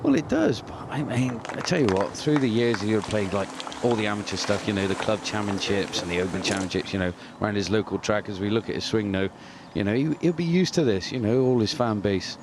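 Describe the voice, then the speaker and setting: A man's voice: fairly low pitch, expressive, fairly quick, hardly any pauses, background noise. A man working as a golf commentator, giving casual live commentary in chatty, colloquial phrases full of exclamations.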